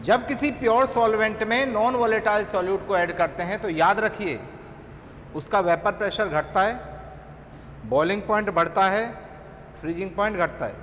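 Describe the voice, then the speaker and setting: A middle-aged man with an Indian accent teaching chemistry, dictating notes slowly and repeating phrases word by word. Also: high-pitched, a bit bright. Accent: Indian English. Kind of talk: dictating a lecture. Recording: echoey room, long reverb, faint noise.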